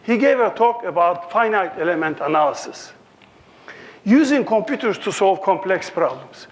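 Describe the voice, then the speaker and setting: A man's voice: high voice, expressive, moderate pace. A man in his sixties from Turkey with a Turkish accent, giving a conference lecture in a joking, anecdotal way. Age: 60s.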